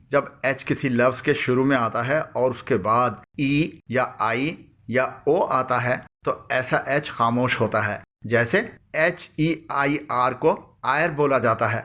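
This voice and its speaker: A man narrating a scripted pronunciation lesson in a measured, even delivery. He reads out example words one at a time, pausing after each, with a voice of ordinary middle pitch. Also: dull audio. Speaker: pronunciation teacher.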